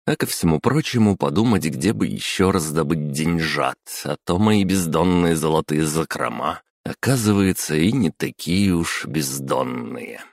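Male audiobook narrator, low, lively inflection, dry close sound. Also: measured pace, gravelly, few pauses, dry recording. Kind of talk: scripted narration.

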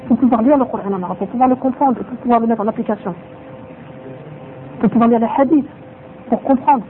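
A religious teacher with a very high-pitched voice speaks fairly quickly through his lesson. He drops in Arabic phrases and repeats points for emphasis. The recording is tinny like a phone, with faint background noise.

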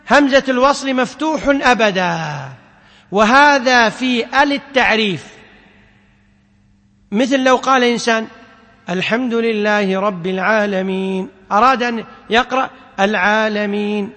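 A man's voice: very high voice, normal speed, pauses often, bright, forceful tone, big-room sound. A man, a sheikh, giving a classroom lesson: he chants the verses of a poem, then explains them while putting questions to his students. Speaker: sheikh teaching Quran sciences.

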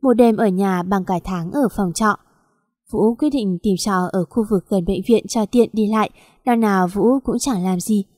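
A woman's voice: mid-range voice, normal speed, darkish tone, no echo, studio quality. A woman narrating a sad story in a plaintive, emotional reading.

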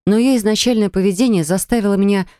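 A woman's voice: mid-range voice, fast talker, dark tone, dry recording, clean studio sound. A woman reading scripted first-person fiction as an audiobook narrator.

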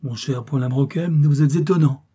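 A man doing a gruff, excitable general. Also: mid-range voice, moderate pace, lightly acted. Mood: emphatic.

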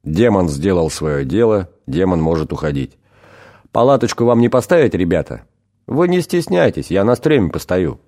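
A cocky male demon with a streetwise, sarcastic tongue, as a man reading a story puts him on, raising his low, dark voice into brash, lively banter. It is storybook narration with the demon's quips played for laughs. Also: moderate pace, heavily acted.

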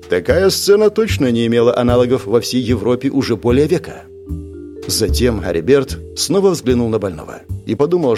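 A man narrating a novel in a dramatic, expressive reading style. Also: mid-range voice. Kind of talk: audiobook narration.

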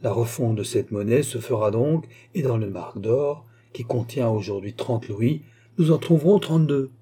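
A man reading as a smooth scheming minister. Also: medium pitch, normal speed, warm tone, natural voice. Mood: assured. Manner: courtly, smiling and assured. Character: smooth scheming male royal finance minister.

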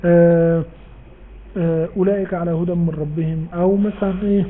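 A man's voice: sits high, fairly even intonation, fairly quick. A man with an Egyptian Arabic accent teaching Quran recitation rules in a live online class, explaining patiently and answering his own questions. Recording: tinny phone-like line with faint background noise.

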